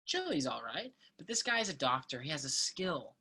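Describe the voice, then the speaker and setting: In a naturalistic play reading, a woman voices an earnest college student, her voice low for a woman yet distinctly bright. She reasons aloud in a thoughtful, measured way with small hesitations, though the performance is also very animated and exaggerated. The mood is earnest and persuasive.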